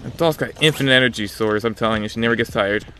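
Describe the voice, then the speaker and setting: A young man streaming a shooter game in a small room at home, joking with chat and breaking into sudden shouts, talking into a headset mic. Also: mid-range voice, fast talker, noisy background. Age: young adult. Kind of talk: casual live-stream chat while gaming. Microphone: headset, seen on webcam.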